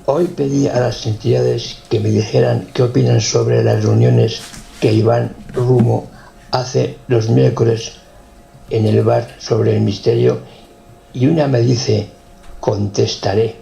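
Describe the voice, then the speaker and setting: Male narrator, gravelly and low-toned, slow announcing with heavy echo. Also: warm tone, highs cut off. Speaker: paranormal audio narrator. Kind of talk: narration of played recordings. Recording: echoey, faint hiss.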